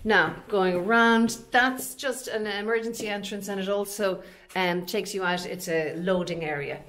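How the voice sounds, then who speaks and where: Inside an empty commercial space with large bare rooms, a woman in her forties from Ireland, working as an estate agent, narrates an informal tour on foot. She speaks in a mid-range, fairly bright voice at a moderate pace, chatty and explanatory.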